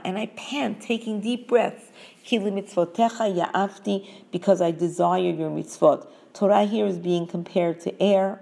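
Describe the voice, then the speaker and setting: A woman giving a measured scripture lesson, reading each verse in Hebrew and then explaining it in English. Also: fairly low pitch, creaky, a little mellow. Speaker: Torah teacher.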